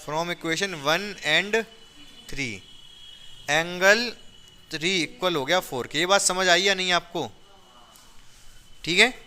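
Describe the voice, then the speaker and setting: Male maths teacher, clear resonant voice, repetitive and encouraging, always asking if students follow. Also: high voice, pushed and bright. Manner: coaxing, checks understanding often; repetitive, stresses reasons. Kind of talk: classroom maths lesson.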